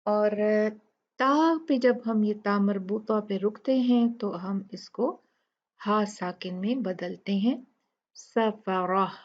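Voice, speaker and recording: A woman with an Urdu accent teaching Quran recitation rules, explaining each rule step by step and then reciting the words slowly. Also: mid-range voice, muffled recording. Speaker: tajweed teacher.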